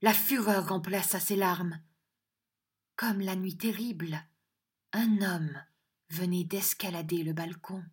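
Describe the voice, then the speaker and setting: A woman's voice: lowish voice, breathy edge. Woman narrating a romantic novel. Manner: measured, expressive reading. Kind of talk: literary audiobook narration.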